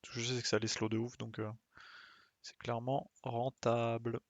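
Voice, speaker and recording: Speaking at normal speed with a medium pitch and flat delivery, a man streams games and talks casually over live play. He mutters to himself, thinks out loud and throws in small playful sound effects, with no room sound.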